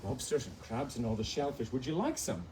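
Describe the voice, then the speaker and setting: A man's voice: mid-range voice, big pitch swings, a little fast, a crowd in the background, natural voice. A Scottish man with a Hebridean accent voicing an older island fisherman, a generous, easygoing father. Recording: distant mic, live audience.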